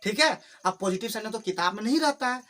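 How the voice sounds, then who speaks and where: Slow, patient male English teacher. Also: sits high, lively intonation, pushed and bright. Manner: slow, repetitive explaining, addresses students fondly. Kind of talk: spoken English lesson taught in Hindi. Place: classroom with students. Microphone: filmed on camera without a microphone.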